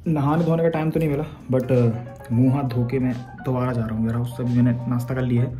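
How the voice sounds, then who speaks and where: In a casual daily vlog shot on a phone held at arm's length, a young adult man rambles to his viewers. His medium-pitched voice is steady and mellow, and he talks fast over soft background music.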